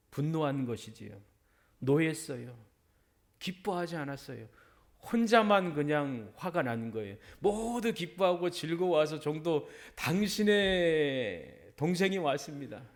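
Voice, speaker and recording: A middle-aged man preaching a sermon as pastor, repeating phrases for emphasis and voicing quoted speech. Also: mid-range voice.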